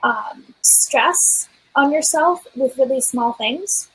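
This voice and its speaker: A woman who is an art business consultant, speaking in a relaxed, reflective way on a video call. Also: high voice, takes it slowly, breathy edge, poor audio. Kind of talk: casual video-call chat.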